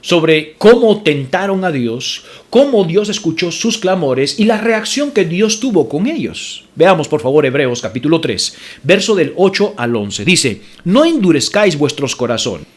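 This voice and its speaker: A man preaching from the pulpit in a fairly high, lively voice that swings up and down. He repeats his verse references and calls his listeners brothers, pressing his points with emphatic force. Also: measured pace. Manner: emphatic preaching, repeats scripture references, rises sharply when indignant; addresses congregation as brothers. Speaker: pastor. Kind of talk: sermon.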